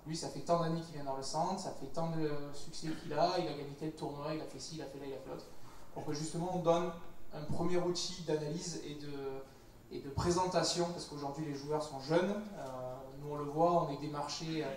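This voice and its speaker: A man's voice: on the high side, steady tone, a little fast, slight background noise. A man who founded a startup, explaining his project on a panel in a hesitant way with many fillers. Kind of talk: casual panel talk. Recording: roomy hall mic from far off.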